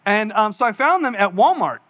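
A pastor in his forties giving a sermon, with a high and bright voice. He talks in a chatty, self-mocking way and tells stories with acted-out asides. It is a man speaking to his congregation in a church. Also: big pitch swings, fairly quick. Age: 40s. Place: church hall.

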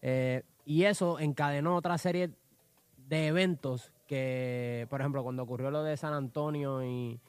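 A man's voice: medium pitch, steady tone, measured pace, smooth, no room sound. A man co-hosting a sports talk show, explaining the details and mixing in English terms.

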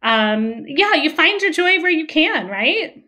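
A woman from Austria joins a podcast conversation as a guest, sounding animated and laughing readily. Her voice sits fairly high and rings bright and sharp. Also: takes it slowly. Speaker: guest, music scholar. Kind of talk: casual podcast interview.

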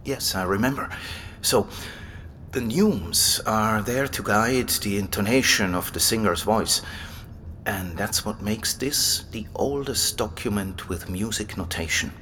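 In an audio drama, a man plays an erudite abbey librarian, a library guide and manuscript expert who explains things keenly like an eager scholar. His lowish voice is pushed and bright, at a measured pace, with slight background noise.

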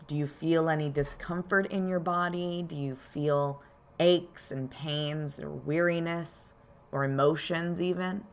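A woman podcast host leading a calm grounding exercise, softly and gently prompting the listener with unhurried pauses. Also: low-pitched. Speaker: podcast host and card reader.

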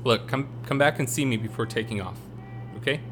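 A man's voice: brisk, music in the background, close to an everyday voice. Man as a hesitant, kindly attendant. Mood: gentle. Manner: hesitant, low-key. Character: kindly, doubting male attendant of afterlife rest stop. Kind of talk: scripted audio drama acting. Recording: clearly audible humming noise.

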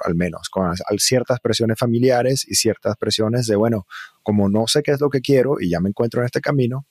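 A man from Venezuela, a guest in an interview, telling his story in a relaxed, reflective way with small fillers. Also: fairly low pitch, no room sound, studio quality. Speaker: guest, psychedelic facilitator. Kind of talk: conversational interview.

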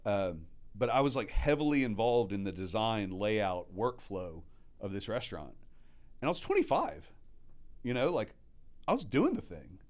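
A man with a lowish voice and a moderate pace tells animated restaurant stories, acting out quotes in a casual storytelling chat. Born in Mexico and raised by American parents, he appears as a guest and works as a restaurant manager.

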